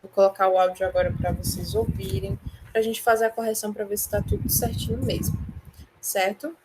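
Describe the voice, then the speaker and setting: A woman's voice: mid-range voice, little pitch movement, brisk, heavy background noise. A woman with a Brazilian Portuguese accent, an English teacher giving an online class, patiently explaining step by step and often checking in with the students.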